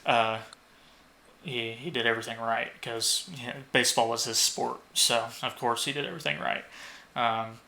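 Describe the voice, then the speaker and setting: A young man co-hosting a podcast, telling rambling stories full of swearing and loudly acted-out quotes. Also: mid-range voice, fairly even intonation, normal speed, creaky. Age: young adult. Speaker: podcast co-host. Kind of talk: casual podcast chat.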